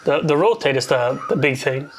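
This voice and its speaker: A man hosting a livestream through a headset mic, calmly talking through a task, pausing and restarting as he thinks aloud. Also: mid-range voice, slight background noise. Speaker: livestream host. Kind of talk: casual livestream chat, explaining camera rigging.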